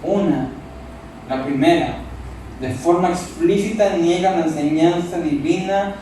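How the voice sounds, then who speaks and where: A man from Monterrey, Mexico, with a northern Mexican accent, preaching a sermon as pastor in a loud, forceful manner. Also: a little high, a little slow, very echoey, distant mic, slight background noise, poor audio. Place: church hall.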